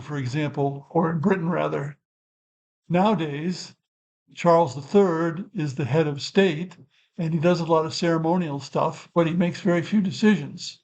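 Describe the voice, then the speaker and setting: In unscripted explanatory talk on his channel, an older host wanders thoughtfully through his subject, fixing his own statements along the way. The recording is low quality, and his voice is fairly high and a touch mellow.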